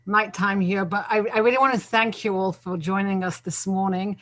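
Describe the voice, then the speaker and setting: A woman's voice: medium pitch, steady tone, normal speed, fairly bright tone. A woman organizing the series from Israel, wrapping up and announcing the next talk, hesitant with many fillers. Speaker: event organizer.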